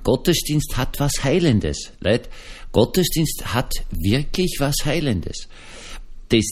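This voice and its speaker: A chatty Austrian pastor speaks in a lively, low male voice with an Austrian German accent. Still recovering from illness, he rambles in a folksy way and addresses listeners directly in a casual spoken podcast reflection.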